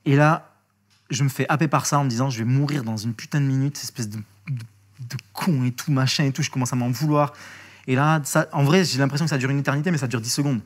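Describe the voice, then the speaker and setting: A man speaking as an interview guest, telling a story in a casual, lively way, with slang, swearing and many restarts. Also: mid-range voice, fast.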